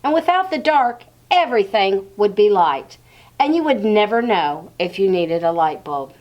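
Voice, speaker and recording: A woman voicing the calm, mysterious Dark. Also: medium pitch, normal speed, dull audio, voice pushed up, close to an everyday voice. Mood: gentle explaining. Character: the Dark, a calm mysterious living darkness beckoning a child. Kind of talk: children's storybook read-aloud.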